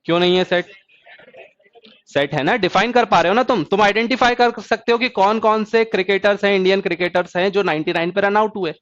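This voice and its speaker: High-voiced man teaching math. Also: fairly bright tone, dull audio. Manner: asks students check questions; drawls key terms slowly. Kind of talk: exam-prep math lecture.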